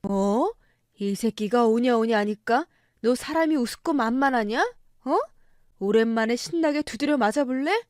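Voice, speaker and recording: A drunk, bullying middle-aged husband snaps and shouts with bitter scorn in a story radio drama, as a woman puts him on. The sound is dry and close. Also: on the high side, expressive, moderate pace, no room sound, close to an everyday voice. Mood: scornful.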